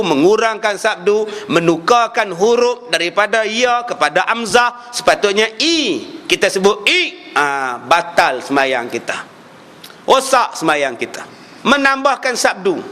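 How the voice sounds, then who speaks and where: Malaysian guy preaching, bright high voice, slow and joking, big echoey hall. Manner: joking, demonstrates pronunciation with drawn-out recitation. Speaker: religious preacher. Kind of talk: humorous sermon. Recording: long hall reverb.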